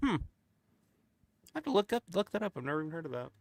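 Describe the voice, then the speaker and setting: A man's voice: sits high, big pitch swings, quick pace, no room sound. A man co-hosting a watch-along with casual, easygoing, conversational film commentary.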